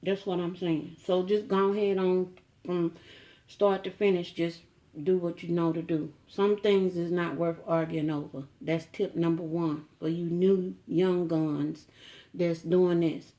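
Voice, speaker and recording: A woman's voice: fairly low pitch, steady tone, measured pace, dark tone. A middle-aged woman chatting casually to camera at home, folksy and teasing, with frequent asides to her viewers. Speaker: vlogger.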